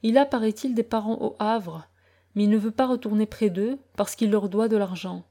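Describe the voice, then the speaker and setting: A woman's voice: mid-range voice, moderate pace, dark tone, lightly acted. A woman voicing a self-important ship's captain who answers in a dry, clipped way. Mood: curt.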